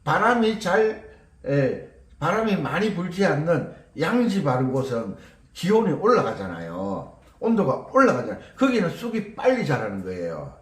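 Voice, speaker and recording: Lively high-voiced male organ teacher. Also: moderate pace. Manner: folksy, rambling, full of homespun examples. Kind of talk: chatty music lesson. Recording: echoey room.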